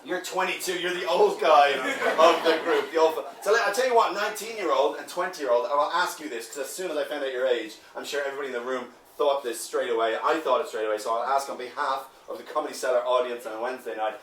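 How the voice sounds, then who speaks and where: A man's voice: medium pitch, fast talker, hardly any pauses. A man with an Irish accent working the crowd as a comedy club MC, brash and full of swearing banter. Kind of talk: stand-up crowd work. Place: upstairs comedy room in a bar. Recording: echoey room from far off, loud noise. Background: audience laughing.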